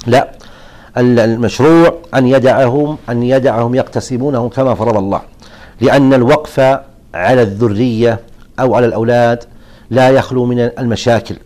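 A man who is an Islamic scholar, answering listeners' religious questions in a measured, explanatory lesson with frequent restarts. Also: mid-range voice, steady tone, a little mellow.

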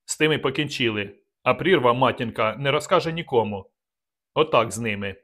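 A man voicing a grim male peasant rebel who speaks low and curt in an audiobook. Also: fairly quick, a bit bright, close to an everyday voice. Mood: grimly calm.

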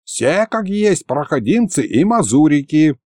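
A man's voice: a little high, very animated, moderate pace, a little mellow, no echo, clean studio sound, pitched above the performer's own voice. A man voicing an ancient, sly, lecherous sorcerer with a pompous, gloating manner.

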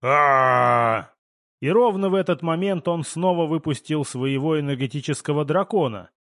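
A man reading a first-person novel aloud in a steady, even storytelling voice. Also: on the high side, a little fast, no room sound, studio quality. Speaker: audiobook narrator. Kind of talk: scripted first-person audiobook narration.

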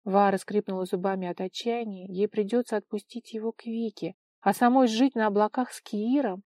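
A woman's voice: medium pitch, fairly even intonation, fairly quick, dark tone, no echo. A woman reading an audiobook as narrator, telling the story expressively and dramatically.

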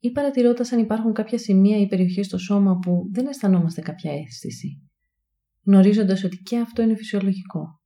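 A medium-pitched female voice leads a guided body scan, soft and soothing, hushed throughout. She offers short phrases and then lets long pauses settle between them.

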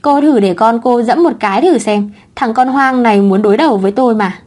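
Woman doing a nasty sneering lady in a storybook, scolding, higher voice. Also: brisk, darkish tone, close to an everyday voice. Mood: scornful. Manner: scornful and scolding. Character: spiteful, rude woman who sneers and scolds.

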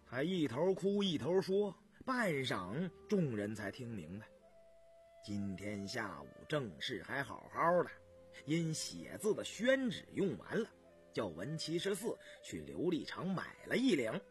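A man narrates a historical tale in a dramatic storytelling voice, his pitch swinging widely from line to line. He moves between hushed passages and emphatic ones, with faint music playing behind him. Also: very animated, measured pace.

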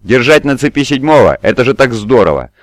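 A man's voice: medium pitch, a little fast, dry recording, voice pushed up, lightly acted. A man playing a teasing god in a boy's guise. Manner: calm, teasing, knowing. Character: god posing as a small mocking boy.

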